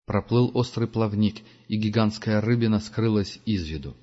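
A man reads a story aloud in a measured, steady way, his voice sitting fairly low. The recording sounds dull and lo-fi. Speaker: audiobook narrator. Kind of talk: scripted narration.

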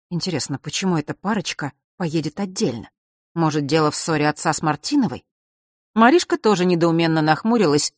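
An audiobook narrator reading a story in an even storytelling manner. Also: medium pitch, dry recording, clean studio sound. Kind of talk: scripted narration.

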